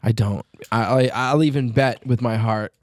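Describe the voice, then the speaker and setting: A man co-hosting a podcast with casual, rambling sports banter, excitable and freely swearing. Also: mid-range voice, normal speed, a crowd in the background. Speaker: podcast co-host.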